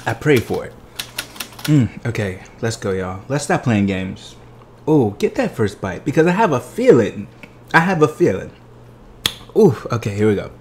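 A man's voice: medium pitch, big pitch swings, normal speed, pauses often, a little mellow, slight background noise. A man in his thirties talking chattily as he tastes desserts at home, savoring each bite with exuberant delight. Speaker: food vlogger. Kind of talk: dessert tasting vlog. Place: living room at home.

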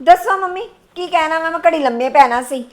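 Give me a woman as a complaining daughter-in-law who argues back, high-pitched. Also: fairly quick, darkish tone. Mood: aggrieved. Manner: quarrelsome, complaining. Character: sharp-tongued young wife, jealous of sister-in-law. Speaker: daughter-in-law in a family drama. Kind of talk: amateur family drama acting.

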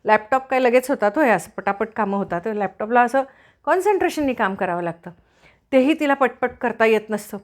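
A woman's voice: on the high side, lively intonation, a little fast. A woman giving family advice in casual storytelling, now and then acting out the voices of the people in it. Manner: retells a scene, briefly acting out voices.

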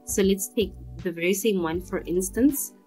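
A woman's voice: mid-range voice, normal speed, mellow, faint music behind. A South African woman talking casually to her viewers, chatty and full of fillers, often checking that they follow her. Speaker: vlogger giving career advice.

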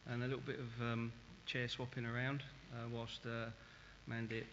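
A middle-aged man chairs a formal meeting, brisk and businesslike. His voice rings through a large hall, slightly dull, over a faint hiss. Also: mid-range voice, monotone. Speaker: committee chair. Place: large council chamber. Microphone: desk microphone.

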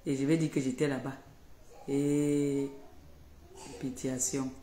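A woman's voice: extremely low pitch, flat delivery, takes it slowly, mellow. A woman ranting on her live stream to her followers, confrontational and threatening, repeating her warnings over and over. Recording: echoey room, faint background noise.

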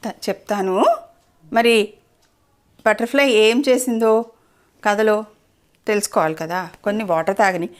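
A woman, a mother, telling a children's story in a playful, sing-song, animated way. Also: medium pitch, unhurried, pauses often, smooth.

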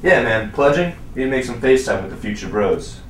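A man's voice: medium pitch, animated, brisk, a bit bright, slight background noise, lightly acted. A man playing a brash young roommate who teases mockingly. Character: cocky young male frat-bound roommate. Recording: echoey room.

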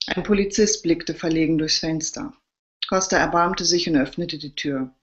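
A woman, the author, reading her crime novel aloud live in a steady narrating voice. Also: deep voice, moderate pace, highs cut off.

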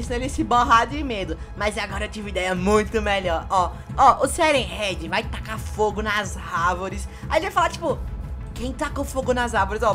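A man's voice: extremely high pitch, sharp tone. A young man with a Brazilian Portuguese accent hosting a gameplay video, talking in a playful, scheming, giggly way. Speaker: gaming YouTuber host. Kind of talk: casual gameplay commentary. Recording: background music under voice.

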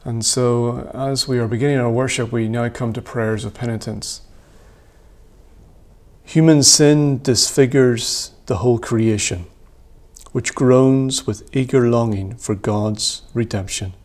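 A man in his thirties leading worship as a priest, reading prayers in a measured, solemn way in a small church room. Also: medium pitch, fairly even intonation, darkish tone. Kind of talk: liturgical reading.

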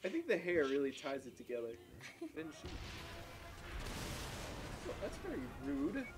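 Young male game host, animated and jokey, laughs a lot, noisy recording. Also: a little high, normal speed. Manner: playful, laughs often, teasing. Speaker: let's play host. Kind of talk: casual gameplay commentary.

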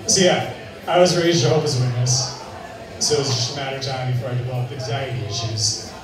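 A deadpan young man performs a stand-up set on a bar stage before a live audience, his mid-range voice moving a little fast with dry delivery. He uses a handheld mic and is filmed from far back in the crowd, so the bar sound is echoey and distant, with crowd laughter.

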